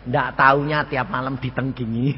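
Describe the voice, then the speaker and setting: A man's voice: medium pitch, steady tone, moderate pace. An older man with a Javanese accent preaching a sermon, telling stories with animation and acting out the people in them. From Central Java, Indonesia. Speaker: evangelist preacher. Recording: dull, reverberant hall recording with faint noise.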